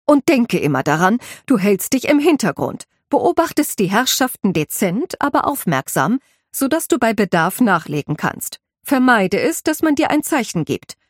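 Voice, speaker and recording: A woman's voice: a little high, sing-song, moderate pace, no room sound, clean studio sound, voice pushed up. Woman doing a stern, commanding head housekeeper. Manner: stern, commanding, drilling instructions. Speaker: head housekeeper instructing a maid.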